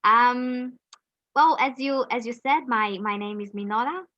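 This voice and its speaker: A middle-aged woman from Romania, a journalist being interviewed, speaking reflectively with frequent pauses and fillers. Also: a little high, no room sound, dull audio. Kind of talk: conversational interview.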